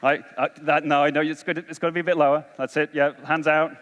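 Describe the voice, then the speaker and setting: A man's voice: on the high side, little pitch movement, fast talker, fairly bright tone. A man giving a conference talk, coaxing and rallying a large audience through a game. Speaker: conference speaker. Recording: long hall reverb.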